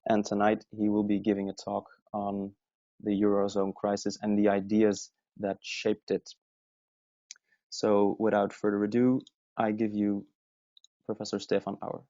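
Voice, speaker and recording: Man, webinar moderator, friendly intro, flat low voice, dull dry recording. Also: a little slow, no room sound. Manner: friendly, scripted but loose, many fillers. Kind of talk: event introduction. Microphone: computer mic on a webinar call.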